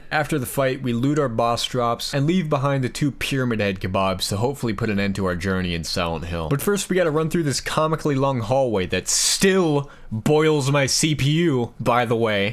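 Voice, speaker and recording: A man narrating a gameplay video with a wry, sarcastic comedic voice-over. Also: mid-range voice. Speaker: gaming youtuber narrator.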